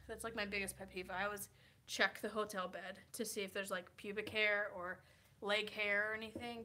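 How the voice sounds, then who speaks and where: A woman in her early twenties from Kansas, tired, reads viewer comments on a casual hotel-room livestream. She rambles, says "like" a lot, and laughs often, her mid-range voice sharp in tone.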